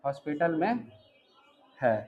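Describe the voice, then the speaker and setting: A man's voice: a little high, very animated, takes it slowly. A man teaching a grammar class, explaining step by step and often quizzing his students. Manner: asks the class questions, repeats "ठीक है". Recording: dull lo-fi sound, faint noise.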